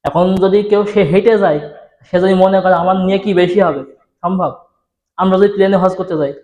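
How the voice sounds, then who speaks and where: A man preaching a sermon to a gathered audience, speaking softly into a microphone and asking them rhetorical questions. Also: high voice, reverberant. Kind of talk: Bengali Islamic sermon. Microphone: microphone on a PA system.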